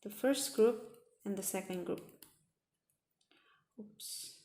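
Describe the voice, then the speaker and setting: A woman teaching a language lesson, explaining sounds patiently and repeating examples slowly. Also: mid-range voice, mellow, reverberant. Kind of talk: slow spoken language lesson.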